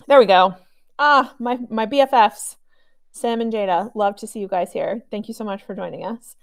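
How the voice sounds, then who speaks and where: A woman hosting a live software training webinar, chatty and upbeat, with a cough drop in her mouth. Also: mid-range voice, moderate pace, vocal fry, dry recording, clean studio sound. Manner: chatty, upbeat, friendly with filler ums.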